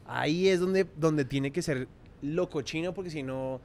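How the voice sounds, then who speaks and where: Man, 30s, Bogotá Colombian accent, podcast guest, crude slangy banter, fairly high voice. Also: a little slow, a little mellow, a little hiss or hum. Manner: crude slang-heavy banter, trailing restarts. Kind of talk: casual chat.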